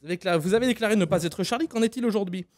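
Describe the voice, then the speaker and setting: A man hosting a comic radio column, briskly interviewing the guests he impersonates, in a radio studio. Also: high-pitched, a little mellow, no echo.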